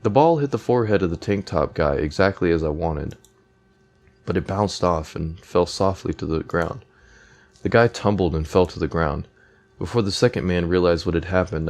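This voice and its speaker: A man commentating a game playthrough, reading the on-screen dialogue aloud between casual remarks. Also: low-pitched. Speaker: let's play gamer.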